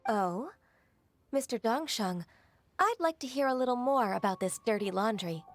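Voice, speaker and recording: A woman voicing a gentle, dutiful young secretary in a game, soft-spoken and formal. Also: a little high, lively intonation, moderate pace, soft background music.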